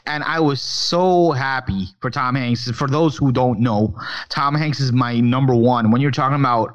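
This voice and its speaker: A man in casual podcast chat about film who rambles, curses and restarts his sentences. His voice sits at a middle pitch. The recording is a bit dull and lo-fi. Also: normal speed. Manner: rambling, profane, lots of restarts. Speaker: podcast co-host.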